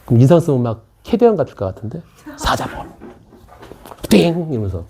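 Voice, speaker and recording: This middle-aged math teacher lectures casually in an academy classroom and cracks jokes with the students as he explains. He speaks briskly in a fairly high, darkish voice with big swings in pitch. There's a little hiss or hum in the recording.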